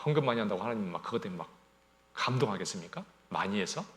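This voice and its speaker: A man's voice: on the low side, expressive, very fast. A male pastor preaching a Sunday sermon, asking the congregation rhetorical questions as he goes.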